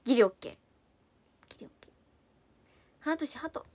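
Young woman, high voice, fast casual livestream chatter, Hiroshima dialect flecks. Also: lively intonation, a little mellow, no echo. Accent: Hiroshima dialect in places. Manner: chatty, quick-talking, reads viewer comments aloud and thanks them. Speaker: idol livestreamer reading comments.

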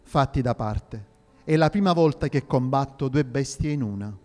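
A man voicing a calm, commanding medieval emperor in a measured, regal tone. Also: medium pitch, close to an everyday voice. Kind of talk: audio drama reading. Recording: reverberant hall with faint music.

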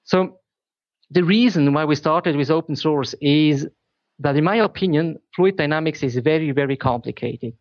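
A man's voice: on the high side, moderate pace, no room sound, lo-fi sound. A man from Switzerland whose first language is Swiss German, speaking English as a company founder in a technical interview. He talks carefully, often repeating words while he searches for the right phrasing.

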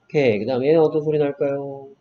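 A man's voice: mid-range voice, quick pace. A man teaching English phonics one-on-one, patiently modeling each sound and encouraging his student. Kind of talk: one-on-one online phonics lesson. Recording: dull lo-fi recording with faint background noise.

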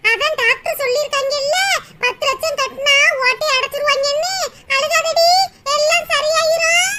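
Nosy, tactless village women tease and boss the wife around in a loud cartoon banter, all voiced by one performer. The voice is pushed extremely high. Heavy noise runs under the recording. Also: level tone, normal speed. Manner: loud, bossy, teasing banter. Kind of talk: cartoon comedy voice acting.

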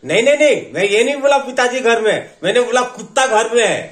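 Guy doing a mouthy bundeli son talking back, high sharp voice. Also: animated, fast, full character voice. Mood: cheeky. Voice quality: cheeky, argumentative back-talk. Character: cheeky mouthy young son. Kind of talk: comedy sketch acting.

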